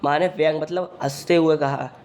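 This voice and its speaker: Flat-voiced man explaining a lesson. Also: fairly high pitch, moderate pace. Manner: reads a passage then retells it, saying "matlab" often. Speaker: teacher. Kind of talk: reading and explaining a textbook lesson.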